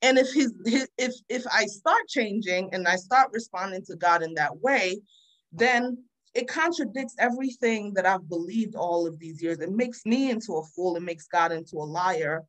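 A woman's voice: mid-range voice, expressive, moderate pace, fairly bright tone, low-quality recording. A woman speaking as a podcast guest in a casual faith conversation, earnest and testimonial, sometimes repeating words as she thinks.

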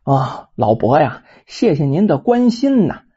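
A woman voicing a kind, dutiful young village girl who speaks softly and earnestly. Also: sits low, very animated, unhurried, breathy edge, pitched below the performer's own voice, full character voice. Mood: gentle. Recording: dull lo-fi recording.

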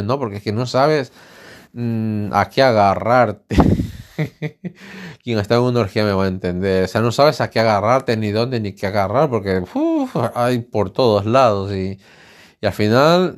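A man with a Spanish accent from Spain, hosting a casual solo podcast from home, talking in a rambling, candid and outspoken way. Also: fairly low pitch. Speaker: podcast host. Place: alone at home.

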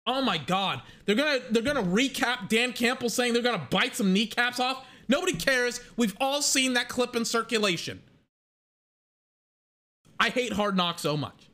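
A sports commentator in a full angry rant, swearing freely. The voice is bright and cutting. Words tumble out fast and heated. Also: medium pitch, expressive. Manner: angry, profane, fast ranting.

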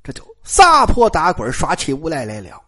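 Animated colloquial storyteller. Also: mid-range voice, normal speed. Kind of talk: lively storytelling commentary.

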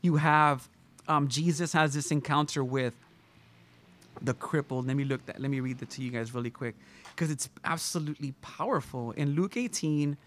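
A man's voice: fairly high pitch, normal speed, a bit bright, a little hiss or hum. A man preaching a conversational sermon, reading scripture, asking his listeners rhetorical questions and closing in prayer. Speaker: pastor.

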